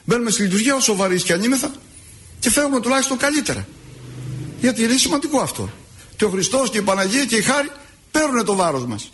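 A man preaching a sermon as an Orthodox preacher, telling stories in an expressive, drawn-out way. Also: very high voice, slight background noise. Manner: expressive, drawn-out storytelling delivery.

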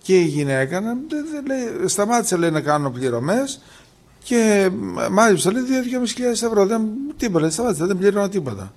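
A man with a somewhat high voice tells religious stories of miracles. He keeps pointing back to who said each thing and quotes people as he goes. He often stops and restarts his sentences. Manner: animated retelling, constantly repeating "he says", acting out quoted dialogue. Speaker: storyteller recounting miracles. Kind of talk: religious storytelling talk.

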